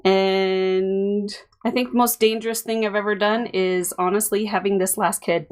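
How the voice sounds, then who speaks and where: A woman in her thirties chatting on a podcast with a dry, low-key delivery. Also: flat delivery, normal speed. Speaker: podcast guest. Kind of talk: casual group chat.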